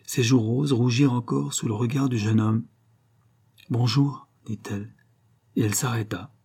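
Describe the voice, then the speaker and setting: Husky, dark-voiced male storyteller. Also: medium pitch. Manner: calm, measured storytelling. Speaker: narrator. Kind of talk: audiobook reading of a classic story.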